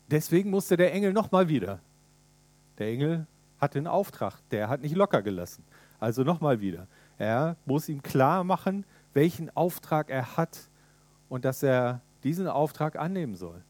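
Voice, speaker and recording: A man preaching a sermon in a lively way, retelling a story and putting questions to his listeners. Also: medium pitch, moderate pace, dry recording.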